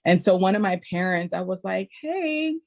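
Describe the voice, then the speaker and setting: Animated woman telling a classroom story. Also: fairly low pitch, brisk, creaky. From Texas. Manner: lively, acts out kids' voices with squeals. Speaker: early childhood educator guest. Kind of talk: animated storytelling in podcast chat.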